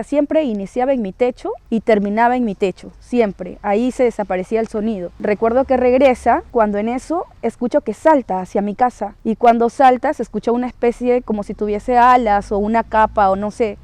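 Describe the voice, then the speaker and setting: A woman's voice: fairly high pitch, a little mellow, dry recording. A woman recounting her own paranormal experience in a hesitant way, with many tag questions and restarts. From Peru. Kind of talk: first-person testimony, casual storytelling.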